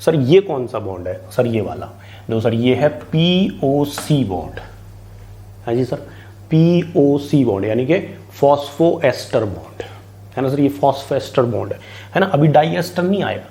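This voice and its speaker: A man's voice: medium pitch, very animated, a little slow, warm tone. A man from India teaching biology in an online exam-prep lecture, chatty, asking and answering his own questions and mixing English terms into his talk.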